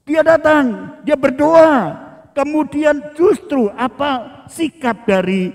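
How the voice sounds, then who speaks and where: A man's voice: very high voice, expressive, takes it slowly, darkish tone, in a large hall. A man preaching a sermon at a church service, punctuating his phrases with "ya" and stretching words for emphasis. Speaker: pastor.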